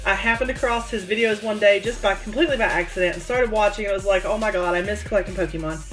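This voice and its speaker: A woman chatting casually as she opens trading card packs, excitable and quick to gasp at good pulls. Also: mid-range voice, faint music behind. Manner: excitable, gasps and squeals at pulls. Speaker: card-opening vlogger. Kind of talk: casual pack-opening chat.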